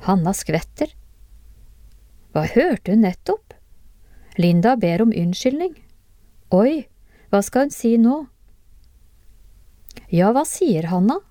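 In a clean studio recording with no echo, a woman with a medium-pitched voice reads scripted classroom cases for a lesson. She keeps a calm, measured pace and stops now and then to ask the listener questions.

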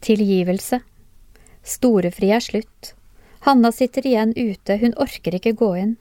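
A woman whose voice is a little high reads a script of classroom cases for a lesson, staying calm and measured and pausing to question the listener. The sound is clean studio quality with no echo.

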